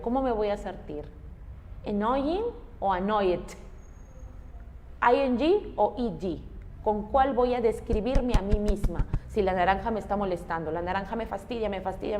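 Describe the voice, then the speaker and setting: A woman's voice: mid-range voice, a little mellow, big-room sound, slight background noise. A woman with a Peruvian Spanish accent teaching an English class, explaining step by step and quizzing her students. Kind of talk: classroom lesson.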